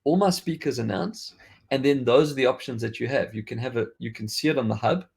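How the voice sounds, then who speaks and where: In relaxed tech chat, this South African podcast host with a faded accent rambles and restarts a lot. His mid-range voice is a little fast, creaky, a little mellow, and breathy at the edges.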